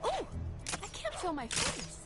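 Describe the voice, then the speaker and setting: A freezing townswoman in a video game, gasping out dramatic last words. Her voice is extremely high and swings widely, under loud game music. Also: huge pitch swings, a little slow, heavily acted. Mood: despairing. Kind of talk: scripted video game voice acting.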